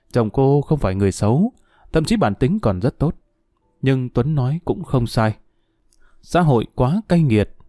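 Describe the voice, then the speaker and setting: A man narrating a story in a measured storytelling manner. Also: mid-range voice, mellow, no room sound, clean studio sound. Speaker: audiobook narrator. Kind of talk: scripted narration.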